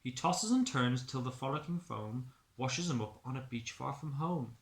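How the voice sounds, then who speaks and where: A man's voice: medium pitch, normal speed, echoey room. A man, an early years teacher, telling a picture-book story to young children expressively and explaining it simply.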